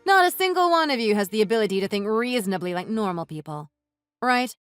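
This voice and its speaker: A woman's voice: mid-range voice, expressive, fast, lightly acted. Woman voicing a furious, sarcastic wife. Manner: sarcastic, cutting, mocking. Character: furious wife tearing into her in-laws. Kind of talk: read-aloud text-message story. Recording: dry voice with soft music underneath.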